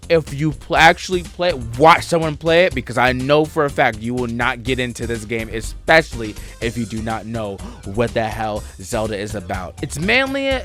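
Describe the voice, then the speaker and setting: A young man giving casual, joking tier-list commentary on video games, excitable and chatting straight to his viewers. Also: mid-range voice, moderate pace, faint music behind. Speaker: gaming YouTuber.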